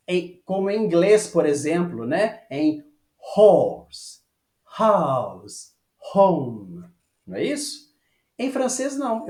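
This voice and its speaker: A man teaching a French lesson, patiently checking with "ok?" and slowing down to model phrases. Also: high voice. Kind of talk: online language lesson. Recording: echoey room.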